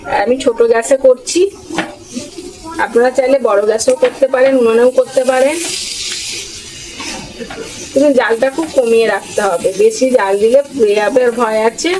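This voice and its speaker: A woman giving a home cooking demonstration, talking slowly and softly because she is unwell, in her kitchen. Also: on the high side, background noise.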